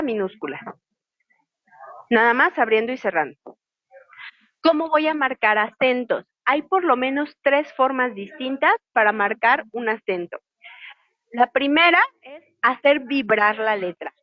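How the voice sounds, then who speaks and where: A woman's voice: on the high side, no echo. A woman teaching sign language in an online class, explaining patiently and spelling out letters one by one. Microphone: video call microphone. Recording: muffled lo-fi video call audio.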